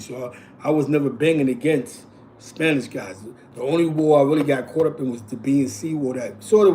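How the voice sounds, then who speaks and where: A man's voice: mid-range voice, warm tone, slight background noise. A man in his forties with a New York accent, telling neighborhood stories in a rambling, repetitive way and filling gaps with "you know what I'm saying". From East Harlem, New York. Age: 40s. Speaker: show host. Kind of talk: casual streetwise storytelling.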